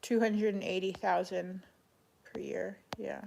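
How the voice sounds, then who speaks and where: Monotone, creaky-voiced woman chatting on livestream. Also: medium pitch, a little slow, background noise. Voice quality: creaky vocal fry. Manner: flat monotone delivery. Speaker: live streamer answering chat. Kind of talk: casual livestream chat.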